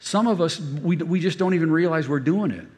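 In a church hall with a big-room sound, a pastor preaches a sermon, his voice a little high, fairly quick and darkish in tone. He tells stories and acts out the voices of the people he quotes.

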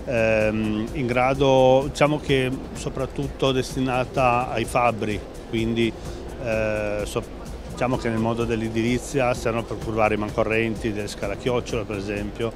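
Interviewed at a trade fair stand in a busy exhibition hall, a middle-aged company president talks at normal speed in a level, mid-range voice, often using fillers and restarting sentences. The interviewer holds the mic, and background music plays under his voice.

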